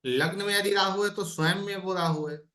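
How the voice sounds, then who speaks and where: Guy running an online astrology class, higher voice, echoey room, keeps asking students questions. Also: steady tone, a little fast, pushed and bright. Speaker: astrology teacher.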